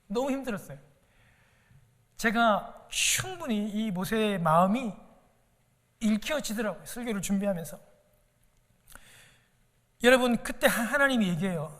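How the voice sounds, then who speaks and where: A man's voice: high voice, expressive, unhurried, pauses often, a bit bright. A male pastor preaching a sermon, earnest, keeps turning to speak straight to his congregation. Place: church sanctuary. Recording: long church-hall reverb.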